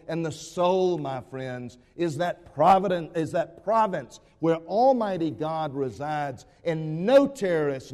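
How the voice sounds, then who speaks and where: A pastor preaching a dramatic sermon, full of rhetorical questions, rising to a raised voice and dropping to a hush. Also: male voice, on the high side. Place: church sanctuary. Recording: long reverb of a church sanctuary.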